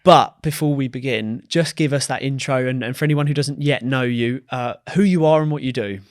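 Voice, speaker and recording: A man's voice: medium pitch, a little fast, no room sound, clean studio sound. A man hosting a podcast interview, upbeat and enthusiastic, often repeating words as he talks. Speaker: podcast host.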